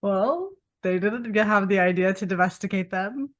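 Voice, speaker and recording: A woman's voice: mid-range voice, moderate pace. Laid-back woman podcast co-host. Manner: casual, reads search results aloud, trails off. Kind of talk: casual chat.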